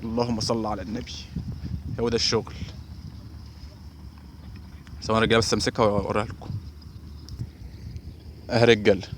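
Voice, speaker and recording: Excited fast-talking Egyptian man fishing. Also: on the low side, a little hiss or hum. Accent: Egyptian Arabic. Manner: excited exclamations, talks to viewers as "guys". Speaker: fishing vlogger. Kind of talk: excited live commentary while fishing. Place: outdoors by a canal bank.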